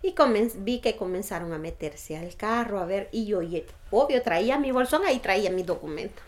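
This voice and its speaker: A woman with a Guatemalan accent gives a personal testimony in an animated retelling, acting out the people she quotes. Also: mid-range voice, normal speed, reverberant. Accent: Guatemalan Spanish. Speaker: interviewee.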